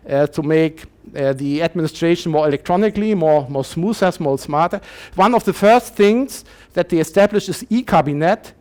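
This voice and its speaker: A man around sixty lectures in English with a slightly raised pitch. He speaks haltingly, pausing on fillers and restarting his phrases as he explains. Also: a little mellow. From Germany. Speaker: university lecturer. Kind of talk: conference lecture.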